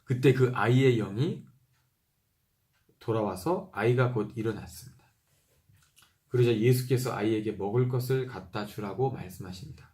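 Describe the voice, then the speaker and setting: With a mid-range voice, a man works slowly through Bible passages, going back over key verses and breaking off to offer casual explanations. He lifts his voice for any quoted speech he reads.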